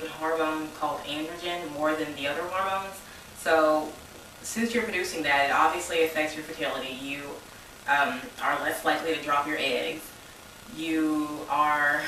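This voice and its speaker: A woman's voice: low-pitched, bright, forceful tone, distant mic, slight background noise. A woman, rambling in a casual personal vlog. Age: 20s. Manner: rambling, informal, says y'all. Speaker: vlogger. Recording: echoey room, voice a bit off mic.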